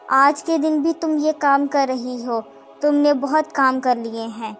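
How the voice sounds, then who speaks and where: A woman's voice: high-pitched, steady tone, soft background music, lightly acted. A woman reading the lines of a grief-stricken husband pleading with his dying wife, in a sorrowful, pleading way.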